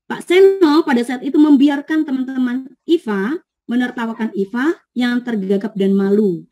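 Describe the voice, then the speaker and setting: Female trainer, fairly high voice, mellow tone, patient explainer. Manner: explains patiently, checks agreement, reads out participants' answers. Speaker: teacher training presenter. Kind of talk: online training session.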